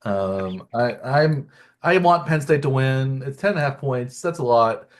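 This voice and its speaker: A man's voice: medium pitch, animated, a little slow. A middle-aged man co-hosting a sports podcast, rambling through picks with lots of restarts and fillers. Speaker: podcast co-host. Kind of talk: casual sports chat.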